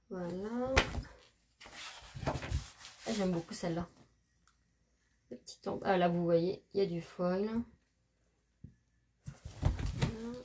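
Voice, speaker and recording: Chatty woman in a noisy home recording. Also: medium pitch. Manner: chatty and gushing, with many hesitations. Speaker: craft vlogger. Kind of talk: casual show-and-tell chat.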